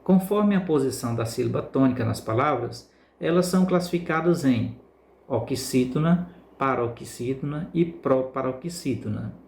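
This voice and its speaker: A male Brazilian Portuguese teacher giving a recorded class lesson, repeating words slowly to stress their syllables. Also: mid-range voice, gravelly, darkish tone, echoey room. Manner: slow, drawn-out word repetition for emphasis.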